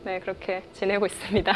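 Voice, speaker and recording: A woman's voice: medium pitch, very noisy. A woman in her thirties, a classical and gospel singer, answering interview questions in an earnest, candid way and laughing often. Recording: music bed under the voice. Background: soft instrumental music.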